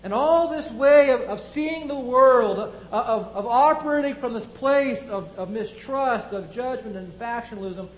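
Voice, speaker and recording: A man's voice: very high voice, measured pace, hardly any pauses, roomy sound, poor audio. A man preaching a sermon, building his point through strings of rhetorical questions.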